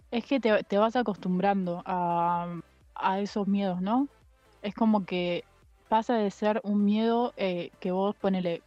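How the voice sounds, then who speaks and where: Warm and mid-range, this young podcast co-host's voice carries no echo as she chats casually, stumbling through fillers and restarts. Faint music sits under a dull, muffled recording.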